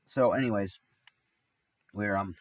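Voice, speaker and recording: A sick, stuffy-nosed man rambling through a casual story on his livestream, starting over again and again. His voice sits fairly low. The sound is dry and a little off-mic. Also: slow pace, no echo, recorded from a distance. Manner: rambling, with many restarts and fillers. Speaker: streamer.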